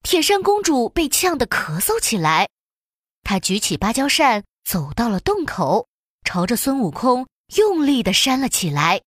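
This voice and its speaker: A woman narrating a children's storybook in an expressive, sing-song storytelling way. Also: on the high side, unhurried, no room sound, clean studio sound.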